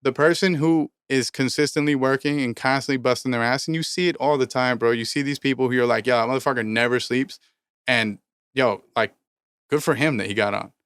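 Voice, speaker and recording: Speaking briskly in a steady mid-range voice, a 30-year-old rapper and podcast co-host launches into profane, emphatic motivational sermons during casual chat. The close mic makes him sound smooth and resonant, with no room sound.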